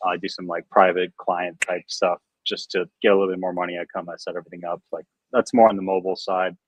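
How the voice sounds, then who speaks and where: A man's voice: deep voice, fast talker, dry recording. A young American man, a guest DJ and producer, chatting casually and rambling on a livestream video call. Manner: relaxed, rambling, filler-heavy. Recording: dull, dry lo-fi sound.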